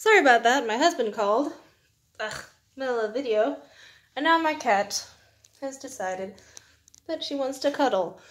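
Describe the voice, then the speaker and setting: This young video host reviews books in a high-pitched, expressive voice at normal speed, leaving long pauses. Her rambling is informal and self-mocking, broken up by small laughs.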